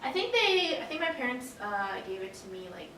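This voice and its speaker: Very animated and a little fast, this young Canadian woman answers interview questions casually and thoughtfully, with some hesitation. Her voice is high and a bit bright, captured by a far-off mic in an echoey, noisy room.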